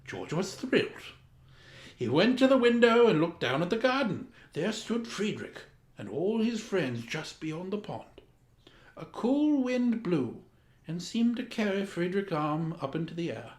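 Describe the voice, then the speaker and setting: This story-time host has a high, very animated voice and reads a children's story a little slowly. He performs it in a grandly formal, pompous, theatrical style, leaning hard on dramatic emphasis, in a roomy space with noticeable echo.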